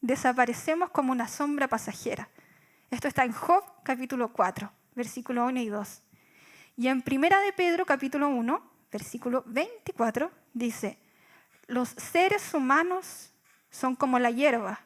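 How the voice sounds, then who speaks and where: A young woman with a Chilean Spanish accent giving a reflective sermon at church, asking rhetorical questions and pausing on fillers. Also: high voice, expressive. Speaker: church speaker.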